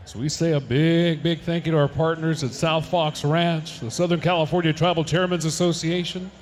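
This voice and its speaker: A man's voice: on the high side, normal speed. A man announcing a rodeo live, calling the runs with rising energy and reading sponsor and event notices. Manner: energetic, swells to shouts on runs.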